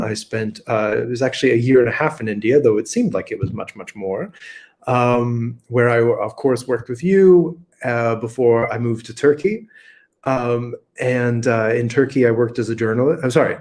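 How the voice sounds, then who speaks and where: A man from rural Kentucky talks as a guest over a video call, unscripted and thinking as he goes. His pitch sits in the middle of the range, and his speech stops and restarts often. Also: darkish tone. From rural Kentucky, USA. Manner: thinks aloud, many fillers and restarts. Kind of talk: unscripted conversational interview.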